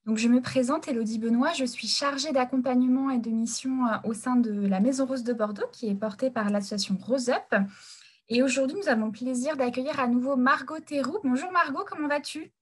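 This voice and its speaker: A woman's voice: high-pitched, brisk, slightly rough. A woman hosting a live webinar over a video call, introducing a guest and giving practical instructions, with frequent fillers and restarts. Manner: hesitant, many fillers and restarts. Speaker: webinar host and support worker.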